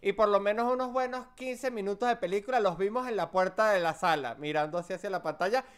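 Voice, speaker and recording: A man with a Venezuelan Spanish accent chats casually as a podcast co-host. His voice sits fairly high and comes through smooth and clear as he tells animated stories and acts out quotes. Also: fast talker. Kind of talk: casual chat.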